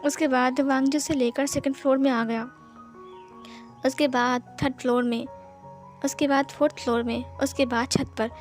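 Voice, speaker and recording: A woman reading a romance story aloud as a storyteller, in plain, steady narration. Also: high-pitched, normal speed, faint music behind.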